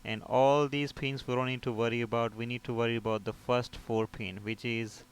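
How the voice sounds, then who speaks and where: With a mid-range voice, flat delivery, and normal speed, a man leads an informal technical tutorial one step at a time. He's a repair technician instructor who explains by asking his own questions and answering them. The background of the recording is clear.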